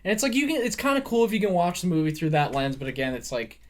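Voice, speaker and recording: A man's voice: high voice, sing-song, fast. A man co-hosting a casual movie podcast, rambling with lots of fillers and swearing. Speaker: podcast co-host. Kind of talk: casual movie review chat.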